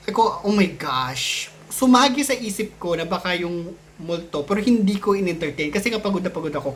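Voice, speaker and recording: A man's voice: high voice, slight background noise. A man casually telling his own ghost story to his channel in a chatty, meandering way, with many restarts and sudden rises in his voice at the tense parts. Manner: chatty, mixes Tagalog and English, many restarts and fillers.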